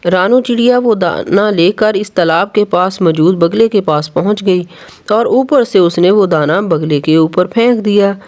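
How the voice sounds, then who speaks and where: Steady children's storyteller. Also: medium pitch, a little slow. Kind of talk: bedtime story narration for children.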